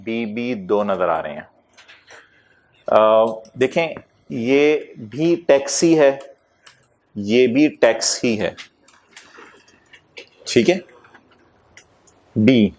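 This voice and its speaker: A man lecturing a tax class, with lively asides and English terms mixed into his explanations. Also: mid-range voice.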